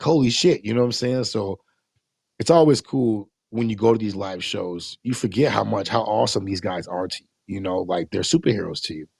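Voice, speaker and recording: A man casually recapping and reviewing a wrestling show, animated, swearing freely and acting out quotes. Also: on the low side, vocal fry, slightly rough, no room sound, clean studio sound.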